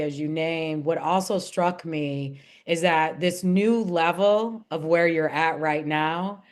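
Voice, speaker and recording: A woman hosting a wellness podcast in casual conversation with a guest. She speaks in an affirming, reflective way and often turns to spiritual wording. Her tone stays conversational throughout. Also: on the low side. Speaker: podcast host.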